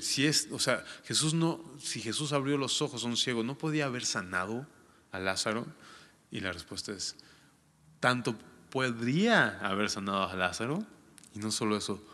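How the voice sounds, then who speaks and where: A man with a bright, forceful voice reads a scripture passage aloud, then breaks off to explain it in a relaxed, chatty way, often asking his listeners if they follow. The sound carries a long reverb, as if recorded in a large hall. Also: fairly low pitch. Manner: reads scripture aloud, then comments conversationally with frequent tag questions. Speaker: Bible teacher. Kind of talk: Bible reading with casual commentary.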